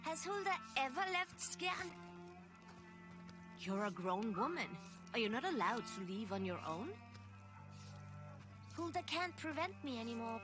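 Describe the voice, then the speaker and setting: A woman voicing a young grown Viking woman companion in a video game, earnest and questioning. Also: a little high. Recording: game audio with music behind.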